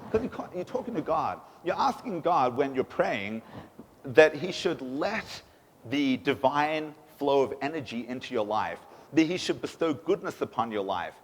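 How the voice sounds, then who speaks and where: A man's voice: mid-range voice, expressive, normal speed, slight background noise. A man giving a sermon as a rabbi, preaching emphatically with rhetorical questions in a synagogue. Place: synagogue sanctuary. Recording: echoey synagogue hall.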